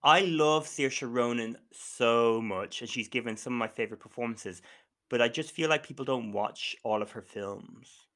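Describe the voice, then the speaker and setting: Quizmaster guy on a podcast, teasing, bright sharp voice. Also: mid-range voice, normal speed. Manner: teasing, animated. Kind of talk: casual chat.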